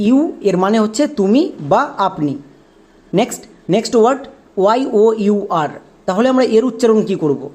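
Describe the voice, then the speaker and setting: Reading teacher, mellow tone, methodical letter-by-letter phonics explainer. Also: medium pitch. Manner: spells words out letter by letter, asks and answers own questions. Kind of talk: step-by-step phonics lesson.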